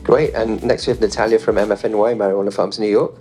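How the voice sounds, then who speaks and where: A man with a somewhat low voice moderates a panel discussion before a live audience. He keeps it loose and conversational, reading figures off his phone and tossing in dry asides. Faint music plays underneath. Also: fast. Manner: relaxed and chatty, reading statistics off a phone with light jokes.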